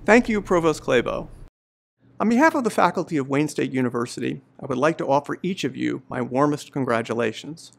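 A middle-aged man, a law professor, giving a measured, earnest commencement address on behalf of the faculty. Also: mid-range voice, animated, vocal fry. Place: indoor studio before a university banner.

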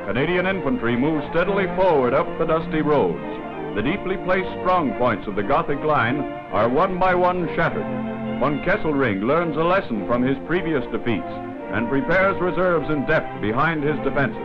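A man giving brisk, declamatory scripted narration for an old 1940s wartime newsreel. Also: fairly high pitch, expressive. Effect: old newsreel sound. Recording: dull lo-fi 1940s newsreel with loud music.

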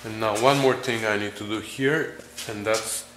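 A man narrates a workshop tutorial. He works through numbers methodically, with pauses and fillers. Faint ambient noise sits behind him in the garage. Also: fairly low pitch, steady tone, a bit bright. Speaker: home mechanic explaining engine measurements.

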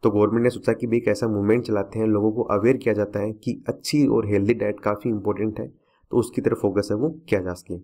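A man's voice: on the low side, steady tone, fast, mellow. A man teaching a current affairs lesson for exam students, repeating key facts to remember.

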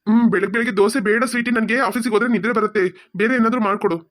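A woman voicing a gentle, patient father in a cartoon who calms his family. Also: fairly high pitch, close to an everyday voice. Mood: soothing. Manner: soothing, quick talker. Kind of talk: cartoon voice acting.

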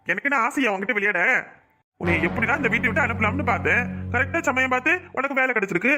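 Man voicing a curt scolding husband, high, fast, bright-voiced, cartoon. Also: expressive, music in the background. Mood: brusque. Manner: brusque and scolding. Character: gruff young village husband. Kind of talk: cartoon voice acting.

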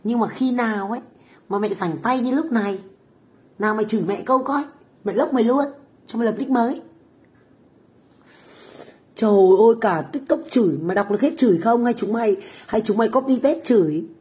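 Woman, middle-aged, foul-mouthed, taunting livestream chat, mellow dark tone. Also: on the high side, a little fast, long pauses. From Vietnam. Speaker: livestream host, food stall owner. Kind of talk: casual livestream chat with viewers. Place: home kitchen, abroad.

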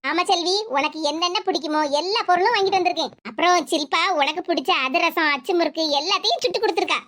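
A woman's voice: very high voice, quick pace, fairly bright tone, pitched below the performer's own voice. A woman voicing a bossy middle-aged sister-in-law in a cartoon, talking in a complaining, matter-of-fact way with a Kanyakumari Tamil accent. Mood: warm.

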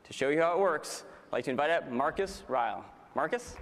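A man's voice: fairly high pitch, lively intonation, brisk, noisy background. Upbeat man presenting in a hall. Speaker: keynote presenter. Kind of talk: product keynote presentation. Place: large conference hall stage. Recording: large hall reverb.

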